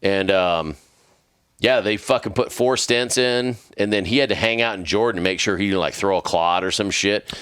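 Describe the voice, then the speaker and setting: A man in his fifties hosts a podcast and tells stories with heated, profane energy. His voice is on the low side. It sounds dry and close to the mic. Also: moderate pace, a bit bright, clean tone, no echo. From born in Greece to American parents. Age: 50s. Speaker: podcast host. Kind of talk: casual chat.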